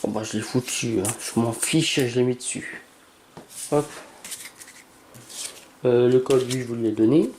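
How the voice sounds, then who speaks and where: A man casually commenting as he opens trading cards, reading names aloud, stumbling over words and breaking into excited cries while keeping his voice down. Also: measured pace, long pauses, slight background noise. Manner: reads card names aloud, stammers, bursts into excited exclamations; holds back from shouting, keeps voice low at night. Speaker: YouTuber opening trading cards. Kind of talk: casual card-opening commentary.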